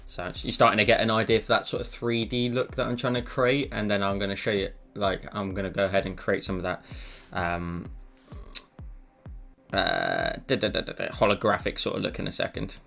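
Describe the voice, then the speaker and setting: A man runs a live digital drawing tutorial, briskly chatting with viewers and reading and answering their messages. His fairly low voice is creaky, pushed and bright; he has headphones on and speaks into a desk mic over faint background music.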